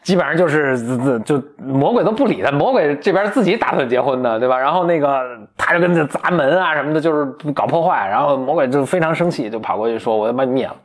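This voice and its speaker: A man co-hosting a podcast, casually retelling a story in an animated way, laughing often and acting out the characters. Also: fairly high pitch, fast talker, few pauses. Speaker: podcast co-host.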